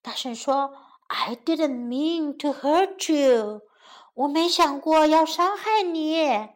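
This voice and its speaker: A woman voicing a kindly older aunt who bakes, speaking softly and musing to herself, in a children's storybook. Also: high-pitched, animated. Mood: gentle. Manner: soft, musing, slow. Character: kindly old aunt baker, gentle.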